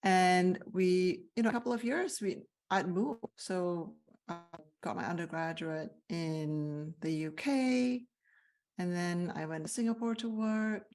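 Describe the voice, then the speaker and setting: Soft music plays behind a woman from Malaysia, a CEO coach, as she answers interview questions reflectively and earnestly, with fillers and restarts along the way. Her voice is fairly low and a touch mellow, and she keeps a measured pace.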